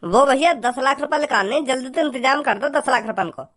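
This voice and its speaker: Voice actor playing a cartoon village bumpkin, high-pitched, rambling, stammering, naive. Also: animated, brisk, a bit bright. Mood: impatient. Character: silly simple-minded village young man. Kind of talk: cartoon comedy voice acting.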